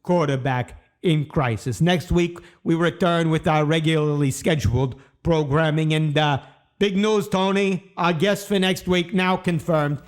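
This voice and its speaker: A man's voice: fairly high pitch, measured pace, clear, resonant tone. A man co-hosting a comedic sports podcast, heckling and scolding his guest and producer in mock indignation. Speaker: podcast co-host.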